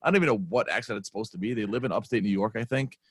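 A man with a lowish voice, recorded close and dry, rambling bluntly through a movie discussion. His talk is full of fillers like "um" and "like.". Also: rapid-fire, husky, no echo. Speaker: podcast co-host. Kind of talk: casual movie review chat.

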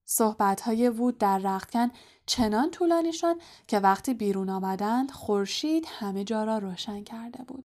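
A woman narrating a storybook in a soft, quiet, even-paced voice. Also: fairly high pitch. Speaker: audiobook narrator.

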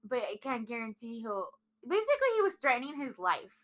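A young woman trading opinions in a casual chat, blunt and quick to swear. Her voice sits a touch high and sounds bright and forward. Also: sing-song. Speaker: podcast co-host.

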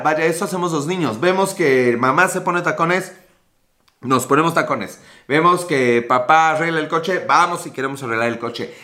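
A man's voice: fairly high pitch, bright, forceful tone. Joking Mexican man on a livestream. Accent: Mexican Spanish. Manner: joking, crude slang, reads and answers comments. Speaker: livestream host. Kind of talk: casual livestream chat with viewers.

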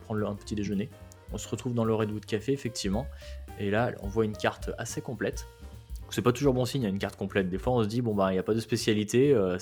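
A man with a lowish voice tells a road-trip story in a loose, conversational way, often pausing on fillers. Soft music plays faintly behind him. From France. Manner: relaxed, chatty, many hesitations. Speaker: travel guest. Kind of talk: casual travel storytelling.

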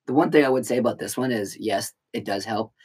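A man's voice: on the low side, fast talker, a little mellow, slightly rough. A young man co-hosting a podcast in casual chat, throwing in joking asides and banter. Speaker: podcast co-host.

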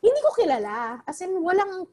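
Young woman, casual storyteller, high lively voice, Filipino-English mix. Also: normal speed, a crowd in the background. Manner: animated, Taglish code-switching, many fillers.

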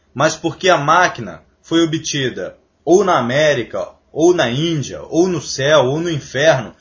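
A man giving a religious scripture lecture, emphatic and lecturing, reciting Sanskrit verses slowly and deliberately. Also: a little high, fairly bright tone. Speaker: spiritual lecturer. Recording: dull lo-fi lecture recording.

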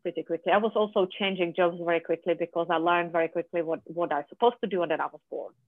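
A guest from Czechia with a Czech accent and Czech as a first language, speaking in a halting way with many fillers and restarts in a conversational interview. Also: medium pitch, steady tone, no echo. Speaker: podcast guest, business founder. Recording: dry, tinny phone line.

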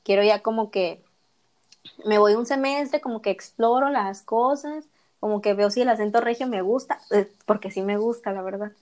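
A woman's voice: mid-range voice, moderate pace, darkish tone. A young woman with a Mexican accent, a university student talking casually, full of slang, fillers and restarts. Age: young adult. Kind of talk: casual chat.

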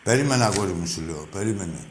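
A man's voice: lowish voice, animated, roomy sound, slight background noise. A man hosting a sports call-in radio show, arguing with callers in a brash, crude, combative way. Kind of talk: heated call-in argument.

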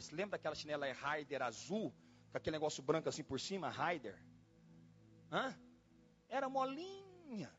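Animated high-voiced preacher telling stories. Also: male voice. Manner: animated, dramatic, exclaims and repeats himself. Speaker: pastor. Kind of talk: storytelling sermon. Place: church. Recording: dull lo-fi sound with faint music.

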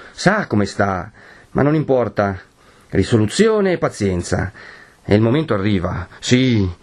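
A man voicing an enraged young man who shouts threats in a storybook reading. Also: fairly low pitch. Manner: shouting, vehement. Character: furious young man, hot-tempered and threatening.

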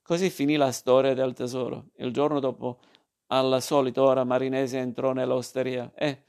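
A man reading a literary story aloud, narrating in a measured, plain way. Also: mid-range voice, flat delivery, creaky, darkish tone.

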